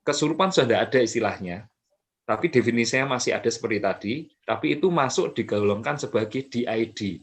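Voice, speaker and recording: Calm explaining man, mid-pitched. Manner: calm, explanatory, many fillers and restarts. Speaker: mental health expert guest. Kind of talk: explanatory talk.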